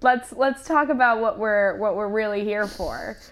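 A woman's voice: medium pitch, moderate pace, slight background noise. A woman hosting a podcast, asking questions and giving short encouraging replies. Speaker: podcast host. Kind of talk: casual chat.

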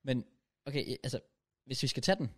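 A man's voice: medium pitch, lively intonation, a bit bright. A young man with a Funen Danish accent, co-hosting a podcast in casual, playful chat full of slang. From Funen, Denmark. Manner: playful, slangy, laughs often. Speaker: podcast co-host.

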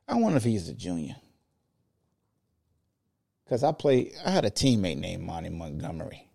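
A man hosting a sports podcast, sounding muffled as his microphone is covered and he mutters quietly to himself. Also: low voice, very animated, moderate pace, creaky, husky. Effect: muffled, mic covered. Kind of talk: casual sports talk. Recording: muffled and faint, from off the mic.

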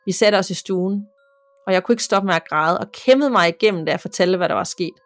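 A woman reading a listener's ghost story aloud as a podcast narrator, in a steady, measured way. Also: lowish voice, no echo, soft background music.

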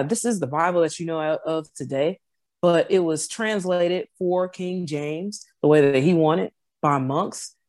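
Earnest, explanatory woman with a low voice. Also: a little mellow, no echo. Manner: earnest and explanatory, with frequent restarts and laughs. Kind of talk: casual conversation.

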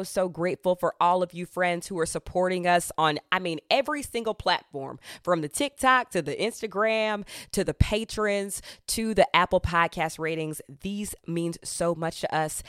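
On her podcast, a woman chats, interviews, and reads listener reviews aloud with effusive emphasis. Her voice is lowish and a bit bright, captured in studio quality with no echo.

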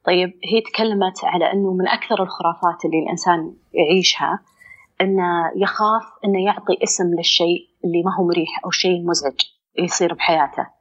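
A woman's voice: fairly low pitch, fast, dull audio. A woman with a Saudi accent, a psychologist explaining things conversationally and acting out inner dialogue. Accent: Saudi Arabic. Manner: expressive, acts out inner dialogue. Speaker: psychologist guest.

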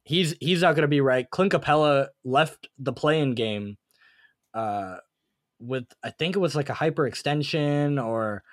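A man's voice: medium pitch, a little slow, no echo, clean studio sound. A man co-hosting a sports podcast in casual chat, rambling and thinking aloud as he goes. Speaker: podcast co-host.

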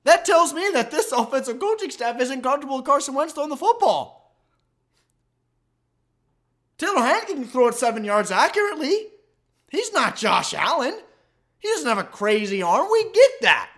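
A man's voice: extremely high pitch, sing-song, moderate pace, long pauses, fairly bright tone. A man hosting a sports podcast, ranting emphatically and with exasperation about his team's loss. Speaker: podcast host. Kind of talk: fan sports commentary podcast.

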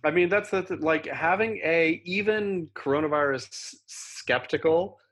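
A man from Southern California chatting casually as co-host, sarcastic and quick to mock. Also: a little high, fairly bright tone. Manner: sarcastic, slides into mocking voices. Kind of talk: casual podcast chat.

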